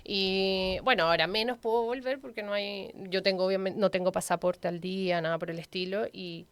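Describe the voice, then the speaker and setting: A woman's voice: medium pitch, fairly even intonation, a little fast, clear, resonant tone, dry recording. A woman in her forties from Venezuela with a Chilean accent, chatting as a guest and telling personal stories. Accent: Chilean Spanish. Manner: warm storytelling, chatty. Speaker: guest, local councilwoman. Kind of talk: casual interview chat.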